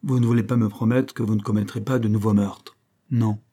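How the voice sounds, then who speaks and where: Casting: man voicing an earnest young nobleman, stern and troubled, deep and mellow. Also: fairly even intonation, a little fast, close to an everyday voice. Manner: insistent, grave.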